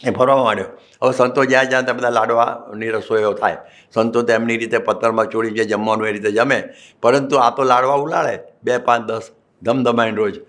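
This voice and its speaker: Male monk, Gujarati accent, sermon storyteller, quotes and verses, mid-pitched voice. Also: steady tone, a little fast, fairly bright tone. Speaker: monk preacher. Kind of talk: Gujarati religious discourse.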